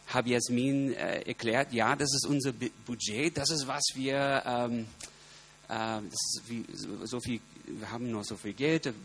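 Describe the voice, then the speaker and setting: A man with an American accent and English as his first language gives an informal personal talk, halting as he searches for words in a language not his own. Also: mid-range voice, rough recording. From United States. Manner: halting, searching for words in non-native grammar. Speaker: guest speaker, singer-songwriter. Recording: steady electrical hum behind voice.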